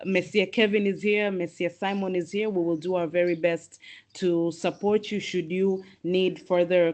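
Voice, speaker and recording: Tanzanian woman hosting a webinar, lowish voice. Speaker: host and moderator.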